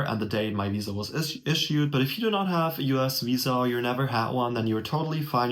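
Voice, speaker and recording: A young German man, a native speaker, walks viewers through a college application in a casual, friendly how-to vlog. His voice sits in the mid range with a fairly bright tone, and he talks straight to the camera on a close webcam in a small room.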